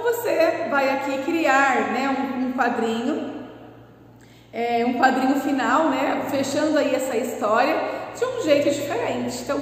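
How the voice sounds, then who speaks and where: A high-pitched woman in her thirties with a Brazilian Portuguese accent, a primary school teacher, corrects workbook exercises in front of a whiteboard indoors, patiently explaining and asking the class questions. A far camera captures her from a distance, with roomy classroom echo.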